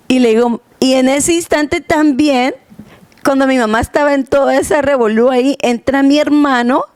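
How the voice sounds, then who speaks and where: A woman's voice: on the high side, darkish tone, no echo. A young adult woman, co-host of a home podcast, telling a casual story and switching between Spanish and English mid-sentence. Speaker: podcast co-host, pastor's wife. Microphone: home podcast mic.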